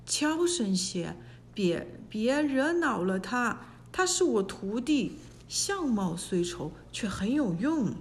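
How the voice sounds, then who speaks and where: A woman voicing a gentle, cautious male monk master who speaks in a hushed, soothing way in a storybook tale. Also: a little high, very animated, takes it slowly, slight background noise, heavily acted.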